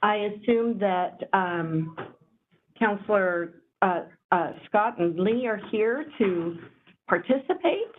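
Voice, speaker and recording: A woman chairs an informal meeting, pausing often as she guides things along. The audio is tinny and phone-like, with faint noise behind her. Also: mid-range voice, expressive. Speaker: board chair leading the meeting.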